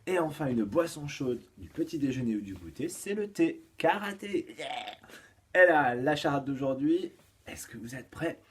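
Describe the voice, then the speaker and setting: Giving a home-schooling lesson to young kids, a male kindergarten teacher with a slightly high, animated voice counts aloud, sings a rhyme and reads riddles in a slow, clear way.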